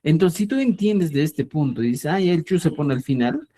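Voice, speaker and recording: A man's voice: a little high, sing-song, mellow. A man teaching a grammar lesson, explaining step by step and checking in often with his students. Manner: explains slowly, checks in with a frequent "¿ya?"; addresses listeners as "estimados amigos". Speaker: Quechua teacher.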